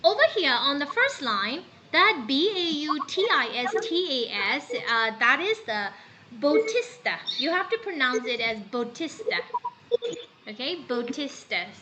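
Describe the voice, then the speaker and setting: This is a woman from Myanmar teaching a lesson in a high, very expressive voice whose pitch swings widely. Her tone is bright and she keeps questioning her students. A faint background noise runs underneath. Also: normal speed, hardly any pauses, poor audio. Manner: animated, asks students questions, switches into Burmese. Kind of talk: classroom lesson.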